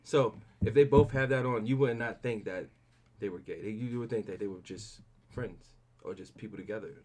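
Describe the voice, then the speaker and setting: A man's voice: a little fast, darkish tone. A man co-hosting a casual podcast debate, talking bluntly, swearing freely and losing his thread. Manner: blunt, swearing, trailing off, much livelier pitch. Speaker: podcast co-host.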